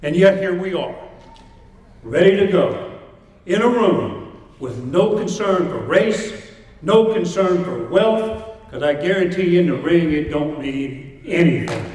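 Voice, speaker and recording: In an echoey indoor hall filled with a crowd, a motivational speaker fires up fighters with an emphatic speech of repeated short phrases. His fairly high voice is expressive, unhurried, and a little mellow, picked up by a distant mic.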